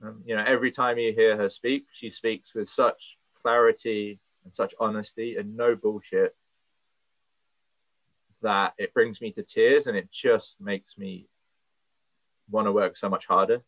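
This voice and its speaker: A man's voice: lowish voice, fairly even intonation, unhurried, no room sound. A man speaking as a podcast guest, earnest and passionate, thinking aloud with fillers as he goes. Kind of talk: earnest conversational interview. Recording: tinny phone-like line, dry.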